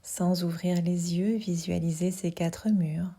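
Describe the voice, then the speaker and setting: Guiding a yoga nidra session for sleep, a woman speaks in a lowish, mellow voice that is soft and breathy and often sinks to a near whisper. She is very slow and unhurried, giving gentle, calming instructions with pauses between them.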